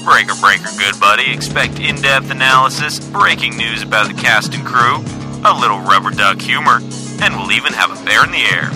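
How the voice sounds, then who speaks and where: A man's voice: mid-range voice, fairly quick, low-quality recording. A man putting on a trucker voice as if over a CB walkie-talkie radio, using drawled trucker slang. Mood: jaunty. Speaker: podcast intro announcer. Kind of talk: scripted comedic intro. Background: loud music.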